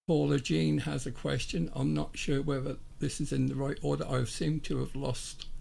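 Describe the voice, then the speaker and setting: A man with a Norfolk accent hosting a solo video who reads out pendulum answers slowly, one word at a time, and chats to viewers in a self-deprecating way. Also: fairly high pitch, flat delivery, vocal fry, a little mellow. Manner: slow, measured, one word at a time when reading answers. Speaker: pendulum dowsing channel host.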